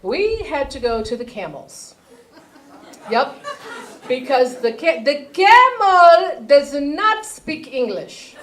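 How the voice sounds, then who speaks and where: A woman doing a stand-up comedy set on stage, telling animated stories and acting out her family. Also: high voice, slow, a little hiss or hum. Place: comedy theater stage with audience.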